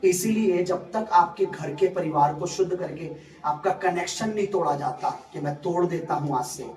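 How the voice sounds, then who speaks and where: A man's voice: on the high side, normal speed, darkish tone. A male pastor preaching a sermon at a prayer meeting, emphatic and calling for answers from the congregation. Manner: emphatic, calls for responses from the congregation. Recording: echoey room, voice from far off.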